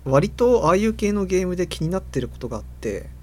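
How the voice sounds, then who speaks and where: A man in casual podcast chat, speaking in a relaxed, hesitant way with many fillers. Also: high-pitched, fast. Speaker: podcast co-host.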